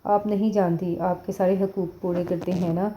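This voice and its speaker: A woman's voice: on the low side, flat delivery, warm tone, slight background noise, lightly acted. A woman voicing a defiant, furious young wife. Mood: tearful anger. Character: defiant young wife, quick to shout back.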